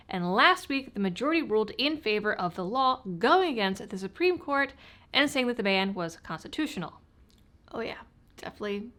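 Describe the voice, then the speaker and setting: A woman's voice: a little high, fairly bright tone. A woman hosting a news commentary channel, speaking informally and a little lispy, with stitches in her mouth after recent oral surgery. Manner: informal, wry asides. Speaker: host of a gun-rights news channel. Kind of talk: scripted news commentary to viewers.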